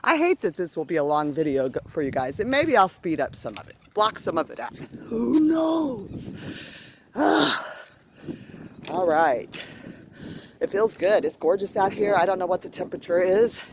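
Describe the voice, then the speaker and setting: A woman's voice: on the low side, sing-song, background noise. Out-of-breath woman chatting on a walk. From Arizona. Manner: chatty, self-encouraging, breathy pauses between phrases. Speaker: vlogger. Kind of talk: casual vlog narration while walking. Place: outdoors on a neighborhood street. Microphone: handheld phone camera.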